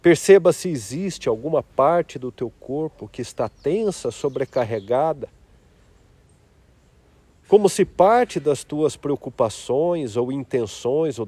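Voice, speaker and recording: A man leading a guided meditation in a slow, soft-spoken, reflective way. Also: mid-range voice, breathy edge, no echo.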